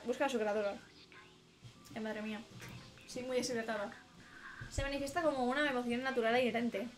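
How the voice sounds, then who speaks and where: Young streamer, high bright voice, reads game text aloud, chatty asides, desk mic. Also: female voice. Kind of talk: casual gameplay commentary.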